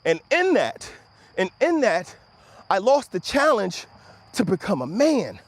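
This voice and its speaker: An American man in his fifties from Washington, D.C., hosts a motivational talk show, delivering an emphatic, preacherly monologue. His high-pitched voice swoops wildly and moves a little slowly, and he leans on repeated phrases and rhetorical questions.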